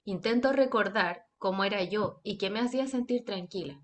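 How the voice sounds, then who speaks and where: A woman host reads a listener's letter aloud, stressing key words with animated delivery. A faint background hum sits behind her voice. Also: mid-range voice, moderate pace. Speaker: podcast host. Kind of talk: reading a listener's question aloud.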